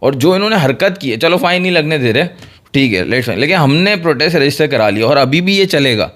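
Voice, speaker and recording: A man, co-hosting a casual cricket chat and explaining his views in a measured way. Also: a little high, animated, fairly bright tone. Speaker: co-host.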